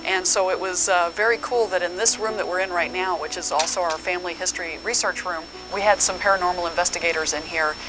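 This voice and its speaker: A woman's voice: fairly low pitch, background noise. A woman being interviewed as a local library staffer, telling stories conversationally and a little hesitantly.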